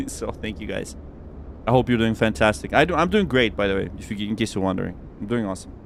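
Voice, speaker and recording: A man's voice: fairly low pitch, fast, gravelly, slight background noise. Chatty upbeat male flight-sim streamer. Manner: chatty, upbeat, rambling with fillers and self-talk. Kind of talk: casual livestream commentary.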